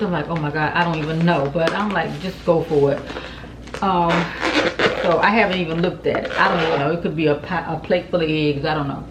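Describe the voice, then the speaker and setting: Woman food vlogger, casual and animated, slightly breathless, faint room noise. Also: lowish voice. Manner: chatty, animated, talks straight to viewers as "y'all". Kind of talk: casual mukbang chat to camera. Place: home.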